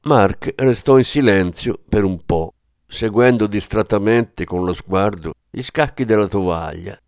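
A man narrating a crime novel aloud in a steady, measured reading voice. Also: on the low side, dry recording, clean studio sound. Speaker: audiobook narrator. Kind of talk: scripted narration.

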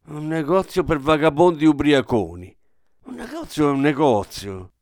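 Man voicing an aging grocer, bitter, grumbling, irritable, lively pitch, dry sound. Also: dry recording. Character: grumbling aging male shopkeeper, bitter, gloomy. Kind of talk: dramatic radio reading.

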